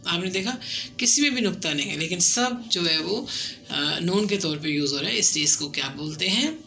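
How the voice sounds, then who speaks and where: A woman teacher explaining a script lesson slowly and patiently, repeating example words for learners to follow. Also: on the low side, expressive, creaky, bright, forceful tone. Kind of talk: classroom lesson on Urdu script.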